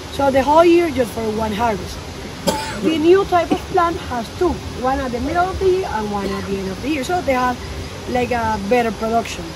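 A high-voiced woman in her thirties with a Colombian Spanish accent leads a coffee farm tour in lively, non-native English. She was recorded outdoors on a phone a few meters away. Steady background noise hisses under her voice. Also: a little fast. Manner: animated, gesturing while explaining, non-native English grammar. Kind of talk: guided tour explanation. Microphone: phone camera a few meters away.

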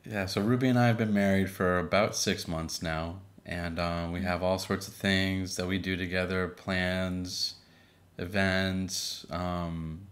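A man from Boston in his thirties, co-hosting a casual podcast with his wife, relaxed and full of fillers. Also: sits low, a little slow. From Boston, Massachusetts. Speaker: podcast co-host. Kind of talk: casual chat.

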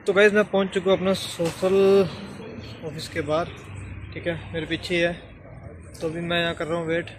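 A man's voice: fairly high pitch, little pitch movement, normal speed, pauses often, slight background noise. A young man from Haryana chatting casually in a daily vlog, giving running commentary to a handheld phone camera. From Haryana, India. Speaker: vlogger. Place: kitchen, then outdoors on streets. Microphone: phone at arm's length.

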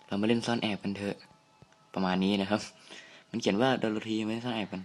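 A man's voice: lowish voice, flat delivery, fairly quick. Jumpy young man narrating a horror game. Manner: jumpy, startled outbursts and swearing, talks to viewers. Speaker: gamer playing a horror game. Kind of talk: casual let's-play commentary.

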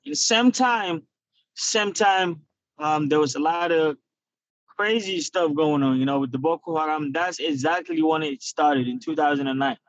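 A man's voice: fairly high pitch, moderate pace, no room sound. A man in his twenties from Nigeria, answering interview questions on a video call from his car in an earnest, reflective way. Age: 20s. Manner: earnest, reflective, many fillers. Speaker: guest fighter. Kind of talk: casual interview talk. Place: in a parked car. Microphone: phone camera on video call. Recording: dull lo-fi video call audio.

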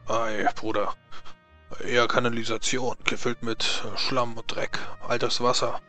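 A man's voice: mid-range voice, flat delivery, a little slow, pushed and bright. A grave male dwarf of a temple, acted by a game master. He is terse and disdainful of humans, in a tabletop role-play with music underneath. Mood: scornful.

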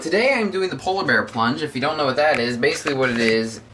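A man's voice: medium pitch, lively intonation, fast, noisy background. A young man vlogging casually outdoors in winter, rambling and joking with a laugh never far off, recorded on a handheld camera. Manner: jokey, rambling, laughs easily. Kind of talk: casual vlog chat. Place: outdoors in snowy winter weather and by a car.

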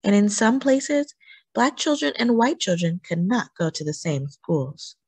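A woman reads aloud from a children's book, storytelling expressively with deliberate phrasing and emphasis. Her voice is medium in pitch and slightly rough, with no echo present.

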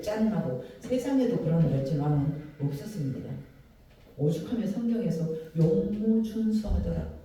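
High-voiced pastor in an echoey hall. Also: male voice, dark tone, recorded from a distance. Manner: emphatic, colloquial preaching with rhetorical questions. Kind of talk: sermon. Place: church worship hall.

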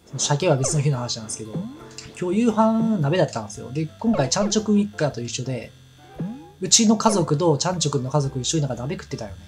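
A man with a Kansai accent rattles on quickly in casual chat while playing a game. His talk is a rambling, chatty stream of stories. Game music plays clearly behind him. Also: fairly high pitch, sing-song. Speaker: let's play commentator. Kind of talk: casual chat over gameplay.

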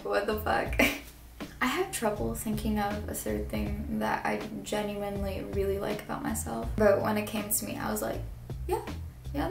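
This young Filipino vlogger's mid-range voice is gravelly and sounds distant, recorded by a mic some way off in a small, bare, echoey indoor room. She chats candidly to camera, saying "like" a lot, swearing and laughing.

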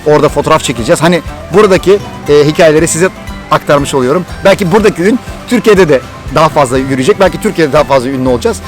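A middle-aged Turkish man with a Thracian accent tells a story to his vlog audience, talking fast and eagerly. His voice sits a little high, and faint music plays behind him. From Turkey. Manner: excited, animated storytelling. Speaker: vlogger.

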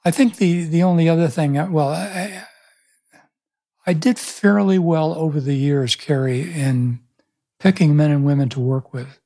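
He speaks unhurriedly in a fairly high, dark-toned voice. A man in his seventies who is a pastor and author, he reflects in an interview, telling stories thoughtfully and regularly restarting his sentences, recorded indoors in a small room through a studio microphone mounted on a boom arm.

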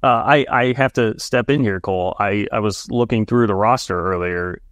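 A man's voice: lowish voice, fairly bright tone, no echo, studio quality. A man co-hosting a sports podcast, chatty and jokey in casual analysis. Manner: chatty, jokey, talks fast.

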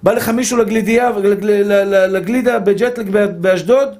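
High-voiced man preaching with emphatic repetition. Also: steady tone, a little mellow. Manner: emphatic, repetitive, addresses listeners as dear brothers. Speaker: rabbi. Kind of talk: Torah lesson to a live audience.

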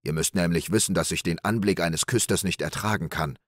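A man voicing a gullible, boastful middle-aged farmer in an audiobook fairy tale, gruff and eager. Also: deep voice, fairly quick, dry recording, clean studio sound.

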